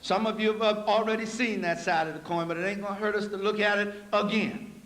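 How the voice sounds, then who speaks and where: A man giving a live lecture to an audience, folksy and preacherly, dropping low for asides and rising to emphatic points. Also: fairly even intonation, brisk, a bit bright. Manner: folksy, addresses audience as y'all. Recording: echoey hall recording with faint noise.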